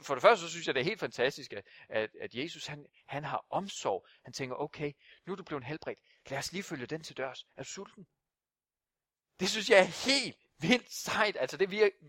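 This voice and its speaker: A man's voice: a little high, a bit bright, no echo, studio quality. A man preaching a sermon in an impassioned, emphatic way, often repeating himself.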